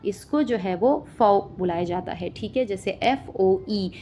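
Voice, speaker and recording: A woman teaching vocabulary, listing each word with its meaning and often checking understanding with a quick question. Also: mid-range voice, warm tone, a little hiss or hum. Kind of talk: spoken vocabulary lesson.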